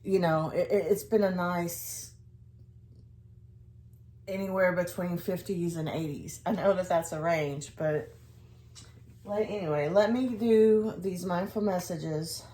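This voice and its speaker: A woman's voice: lowish voice, takes it slowly, pauses often, mellow. Rambling woman. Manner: rambling, hesitant, trailing off. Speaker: vlogger. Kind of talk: casual chat to camera.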